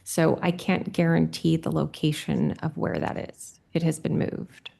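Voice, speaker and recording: A woman representing an applicant, speaking to a city board in a measured, careful way. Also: sits low, fairly even intonation, gravelly, dark tone. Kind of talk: public meeting remarks.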